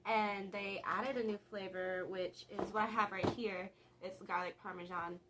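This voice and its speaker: A woman's voice: mid-range voice, fairly even intonation, moderate pace, very noisy. A young woman vlogger chatting casually and rambling a little, with laughs between thoughts. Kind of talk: casual vlog chat.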